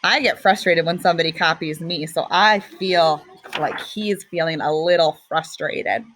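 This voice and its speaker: A woman teacher reading a picture book aloud to children, expressive and pausing to ask questions. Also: fairly low pitch, slight background noise, poor audio. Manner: expressive, asks listeners questions.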